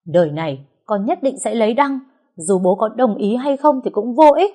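A woman's voice: on the high side, expressive, normal speed, warm tone, pitched above the performer's own voice. A woman voicing a young woman who pleads tearfully and stands up to her father. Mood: defiant. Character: young woman, desperate and defiant lover.

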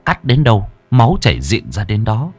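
A man narrating a dark story in a vivid, emphatic storytelling style. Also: fairly low pitch, wildly swooping pitch, normal speed, soft background music. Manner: vivid, emphatic, rising with the action. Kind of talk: dramatic horror-story narration.

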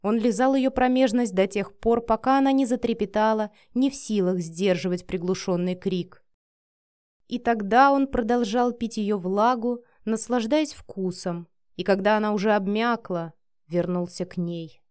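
A woman narrating an erotic audiobook in a soft, sensual, measured voice. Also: medium pitch, smooth, dry recording, clean studio sound. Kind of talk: reading an erotic story aloud.

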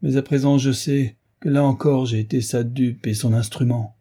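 A man's voice: medium pitch, steady tone, normal speed, mellow, breathy edge, voice pushed up. A man reading aloud as a distressed, betrayed wife, pleading and emotional. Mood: anguished.

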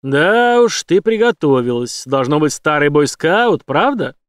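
Man doing a brutal male villain, taunting, loud, menacing, fairly high voice, dry sound. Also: big pitch swings, unhurried, clean tone, no room sound. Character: brutal leering adult male villain with a whip.

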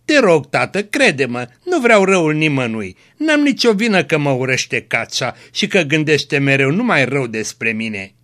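A man voicing a gentle, pious young peasant woman in a read-aloud story, speaking softly and pleadingly. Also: a little high, sing-song, few pauses. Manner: pleading, soft.

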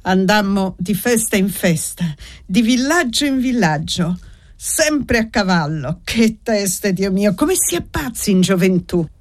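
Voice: medium pitch, expressive, measured pace, natural voice. A reader voicing a hearty, boastful guest. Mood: reminiscing. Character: jovial poor guest, carefree old friend. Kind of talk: audiobook reading.

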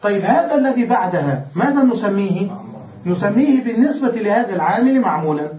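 A man's voice: sits high, sing-song, fast. A man teaching a grammar lesson in a classroom style, asking questions and answering them himself. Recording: echoey, distant, dull lecture recording with faint hiss.

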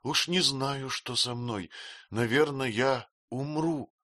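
A man's voice: medium pitch, slow, pushed and bright, no room sound, clean studio sound, voice pushed up. A man voicing a timid, frail young mother who speaks faintly and hesitantly.

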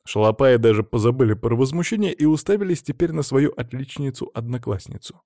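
A man reads a first-person audiobook with wry, animated storytelling. His pitch moves a lot through each sentence. The recording is dry and close, with no room sound. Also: a little fast, dry recording. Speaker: audiobook narrator.

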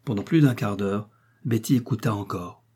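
Homme à la voix sombre et voilée. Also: male voice, fairly low pitch, normal speed, mellow, slightly rough. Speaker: audiobook narrator. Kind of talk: audiobook reading of a novel.

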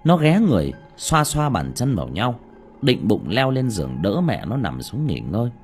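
Brief: male audiobook narrator, dramatic and expressive, hugely animated intonation. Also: mid-range voice, moderate pace, husky, soft background music. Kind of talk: scripted horror story narration.

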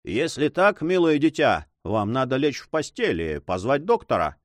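A man voicing a courteous, fatherly older governor who persuades in a gentle way. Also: mid-range voice, wildly swooping pitch, normal speed, no room sound. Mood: persuasive.

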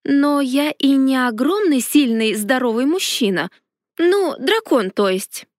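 A woman's voice: high-pitched, animated, unhurried, no room sound, clean studio sound. Woman voicing a flustered young witch. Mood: defensive. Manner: pleading, flustered.

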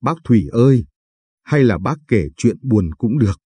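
A man's voice: medium pitch, sing-song, moderate pace, dark tone, breathy edge, no echo. A man voicing a playful, talkative young village woman who needles and teases in a storybook reading. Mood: teasing.

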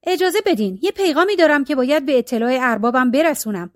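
A woman's voice: high-pitched, animated, dry recording. Sly poor peasant man, clever, polite, a woman reading, dry close sound. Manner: sly, polite, quietly cunning.

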